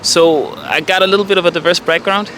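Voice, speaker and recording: Easygoing Danish man, higher voice. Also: fairly quick, sharp tone, slight background noise. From Denmark. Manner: easygoing, chatty. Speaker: interviewee.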